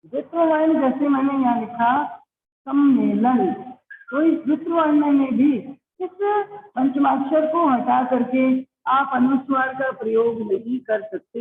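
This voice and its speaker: A woman's voice: sits high, creaky, slight background noise. A woman teacher giving an online class, explaining patiently, asking her pupils questions and calling them "beta". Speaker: Hindi teacher. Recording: echoey, phone-like online class audio.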